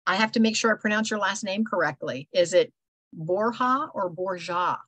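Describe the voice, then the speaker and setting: A woman's voice: mid-range voice, fast talker, a bit bright, no echo, low-quality recording. An older woman, hosting a casual video call meetup, chatty and rambling with lots of fillers. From Ohio. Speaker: host. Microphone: video call microphone.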